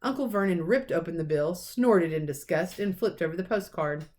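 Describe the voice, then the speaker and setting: A woman reading a children's storybook aloud as a teacher, with expressive narration. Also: lowish voice, moderate pace. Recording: clearly noisy recording with clicks.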